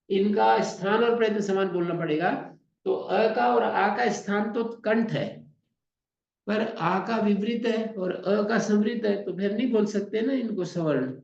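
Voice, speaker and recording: A man lectures on Sanskrit grammar, unhurried and a little high-pitched, pausing to sound out words as examples. His voice has a gravelly edge. The recording is echoey and dull. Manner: explains slowly, demonstrates pronunciations aloud. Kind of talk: classroom lecture.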